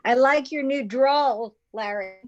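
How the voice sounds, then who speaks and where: A woman's voice: sits high, slow pace, highs cut off, a little hiss or hum. A woman making brief remarks as a board member in an online meeting.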